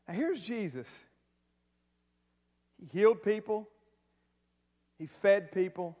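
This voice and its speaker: A high-pitched man preaches from the pulpit, lively and full of jokes, checking in with his listeners with quick "right?" asides. His voice rings out with a long reverb, as if filling a big church sanctuary. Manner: animated, joking preacher with frequent "right?" asides to the congregation. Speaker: pastor. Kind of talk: sermon. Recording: long reverb of a large hall.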